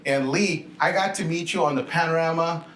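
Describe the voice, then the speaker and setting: A man's voice: on the high side, fairly quick, a bit bright. Effusive male interviewer in an echoey space. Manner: effusive, complimentary. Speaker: host of a cruise video channel. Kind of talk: casual on-location interview. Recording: echoey, roomy sound.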